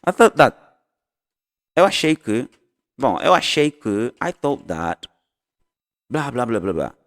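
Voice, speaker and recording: Male English teacher, lively pitch, casual and repetitive, recorded with long reverb. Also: slow. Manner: explains in Portuguese, models English phrases, repeats and self-corrects. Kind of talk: casual online lesson.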